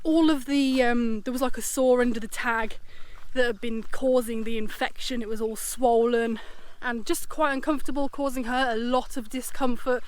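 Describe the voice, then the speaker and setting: A woman's voice: fairly high pitch, steady tone, moderate pace. A woman hosting a vlog, giving casual, chatty updates to camera. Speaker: vlog host.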